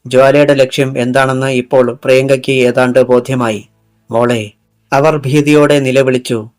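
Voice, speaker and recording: A man's voice: medium pitch, flat delivery, normal speed. A man narrating a crime thriller audiobook with dramatic storytelling. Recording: faint background music.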